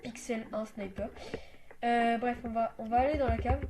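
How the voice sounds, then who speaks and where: A woman's voice: fairly high pitch, steady tone, normal speed, noisy background. A woman giving casual gameplay commentary as host of her own channel, talking hesitantly with many fillers and restarts.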